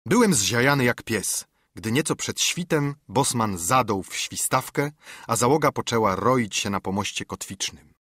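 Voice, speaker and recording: Husky, expressive male audiobook narrator. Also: medium pitch, moderate pace, dry recording, studio quality. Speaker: audiobook reader. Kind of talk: scripted narration.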